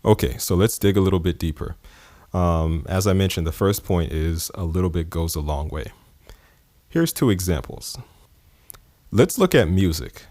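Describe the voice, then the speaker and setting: His deep, expressive voice moves at a moderate pace and carries a slightly mellow quality, with no room sound at all. He's a podcast host from the East Coast of the United States, chatting loosely in a casual monologue with fillers and the occasional chuckle.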